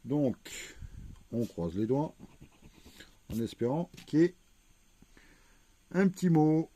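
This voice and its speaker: A man casually commenting as he scratches lottery crossword tickets, slowly spelling out letters one by one and checking words. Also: a little high, expressive, dark tone. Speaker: scratch-card vlogger.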